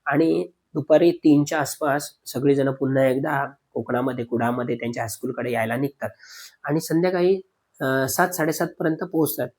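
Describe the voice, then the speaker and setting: A man narrating a spoken horror story, addressing listeners as friends, with dramatic pauses. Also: mid-range voice, darkish tone.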